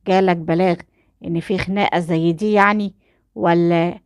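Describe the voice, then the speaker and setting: A woman's voice: lowish voice, fairly even intonation, moderate pace, smooth, no echo, close to an everyday voice. A woman voicing a confused junior policeman questioning his superior, with an Egyptian accent. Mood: puzzled. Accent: Egyptian Arabic. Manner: questioning, deferential. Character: puzzled male police subordinate, respectful.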